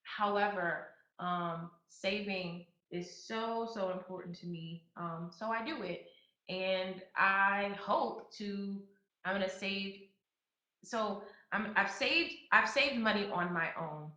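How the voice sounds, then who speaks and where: Taking it slowly, a woman in her thirties speaks in a bright, forceful mid-range voice as a podcast host. Her talk is casual, full of fillers and restarts, and it becomes emphatic when she hands out advice. The audio is echoey and slightly dull.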